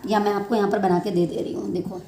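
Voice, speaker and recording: A woman's voice: mid-range voice, level tone, fast talker, gravelly, mellow, slight background noise. A woman teaching a chemistry class, explaining with everyday analogies and often checking whether the students follow. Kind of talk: classroom lecture. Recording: echoey room.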